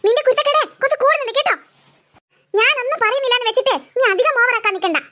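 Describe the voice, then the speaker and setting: A sharp-tongued cartoon mother scolds and mocks her daughter. The voice sits very high and sounds bright and sharp. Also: rapid-fire, highs cut off. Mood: scolding. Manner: scolding, sarcastic. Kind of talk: cartoon voice acting.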